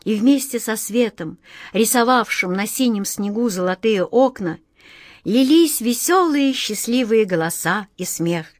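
A woman narrating a children's storybook in a calm, expressive reading. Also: fairly high pitch, unhurried, no echo, clean studio sound.

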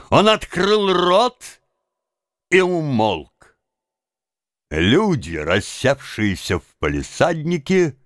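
A man's voice: lowish voice, no echo. A man narrating a story as an audiobook, with dramatic, rising and falling emphasis, on a close microphone.

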